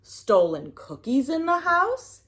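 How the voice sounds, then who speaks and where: A female narrator reads to young kids without hurrying, her intonation highly animated and sing-song like a picture-book reading. She pauses to prompt her listeners.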